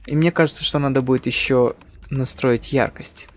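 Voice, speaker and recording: Man giving casual game commentary, medium pitch. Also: fairly even intonation, normal speed. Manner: musing aloud, joking. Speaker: gaming channel host. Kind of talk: casual let's-play commentary.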